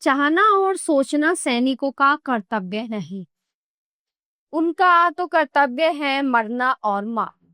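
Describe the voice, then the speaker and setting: Give me a woman playing a haughty, indignant young noblewoman with a high voice. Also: lively intonation, slow pace, bright, forceful tone, no echo, clean studio sound, full character voice. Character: proud, sharp young noblewoman defending the emperor.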